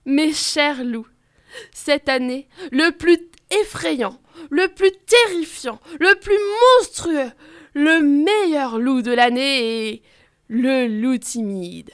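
A woman's voice: fairly high pitch, big pitch swings, slow pace, long pauses, smooth, no room sound, clean studio sound, full character voice. A woman voicing a moved male wolf president who solemnly announces an award in a storybook. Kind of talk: storybook reading.

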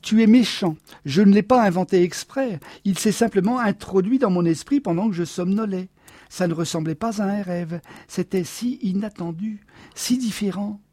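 A man reading aloud, voicing a wistful, excitable woman who eagerly recounts a strange dream. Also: medium pitch, moderate pace, no echo, clean studio sound, pitched above the performer's own voice, natural voice. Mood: wondering. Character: dreamy, wistful Martian wife, restless and excitable.

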